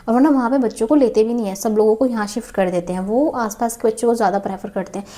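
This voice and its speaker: Young woman rambling through her own story, emotional, lots of restarts, soft mellow voice. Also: a little high. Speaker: vlogger. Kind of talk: personal storytelling vlog.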